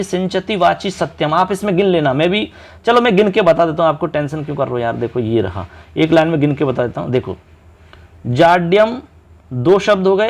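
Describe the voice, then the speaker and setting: A male Sanskrit tutor with a fairly high voice explains exam questions in a quick, friendly way. He talks straight to his students, calls them friends, and slows down to count syllables and stress each right answer. It sounds like a casual online coaching class. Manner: brisk, chatty teacher addressing students as friends. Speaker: Sanskrit teacher. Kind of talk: exam-prep online lesson.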